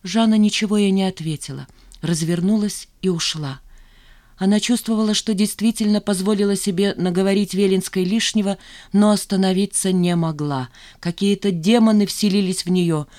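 A woman reading an audiobook narration in a calm, even manner. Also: mid-range voice, normal speed, no echo, studio quality. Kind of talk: scripted narration.

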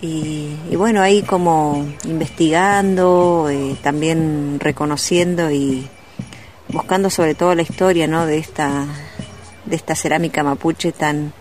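A woman from Neuquén, a ceramist guest on a radio interview, speaking gently and hesitantly with many pauses. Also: low voice, steady tone, soft background music. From Neuquén, Argentina.

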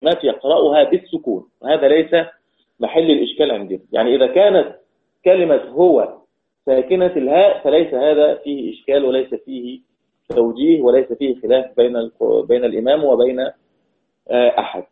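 A man with an Egyptian accent teaching a Quran recitation lesson, explaining step by step and putting questions to his students. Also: medium pitch. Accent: Egyptian Arabic. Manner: chants verse lines slowly. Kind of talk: recorded online lesson. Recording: tinny phone-like line.

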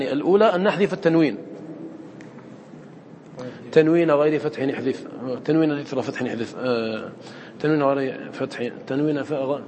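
A man's voice: a little high, darkish tone, long reverb tail. A man teaching students the rules of Quran recitation, who often quizzes his listeners and repeats his points. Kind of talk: lecture to students.

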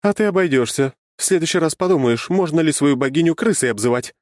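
A man's voice: a little high, animated, fast talker, darkish tone, dry recording, clean studio sound, pitched above the performer's own voice, natural voice. Cheeky sly goddess done by a man. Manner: cheeky, mocking. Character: sly, brash female goddess, quick-tempered. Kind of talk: audiobook character voice.

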